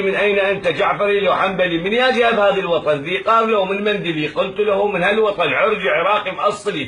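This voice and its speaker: A man's voice: high voice, bright, forceful tone. A man with an Iraqi Arabic accent reciting a satirical poem in a theatrical, rhythmic, sing-song rhyming delivery. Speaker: poetry reciter.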